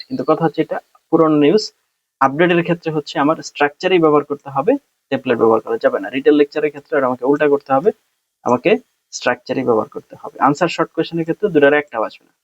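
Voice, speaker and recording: A man with a Bangladeshi accent gives an exam-prep lesson, explaining at an easy pace. He slows right down when he reads English model phrases. The sound is dry and a little dull, with no room around it. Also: a little high, no echo. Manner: explains in Bengali, reads English template phrases slowly and deliberately. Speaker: PTE exam tutor.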